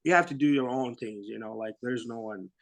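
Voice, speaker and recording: A man, answering interview questions in a halting, casual way with many fillers and soft laughs. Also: medium pitch, vocal fry. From Iraq. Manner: halting, lots of "you know" and "like", laughs softly. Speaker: guest, bodybuilder.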